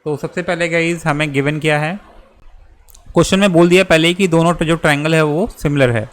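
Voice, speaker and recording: A man's voice: a little high, a little fast. A young man, patiently walking students through a geometry proof step by step, often checking in as he goes. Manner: patient, repeats and checks with "theek hai". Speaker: maths teacher.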